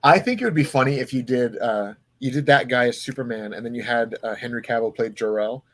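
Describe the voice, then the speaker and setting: A man's voice: medium pitch, brisk, fairly bright tone. A man in his thirties, hosting a live podcast panel, chatty and joking as he reads out questions. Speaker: podcast host reading audience questions. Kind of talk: casual panel chat.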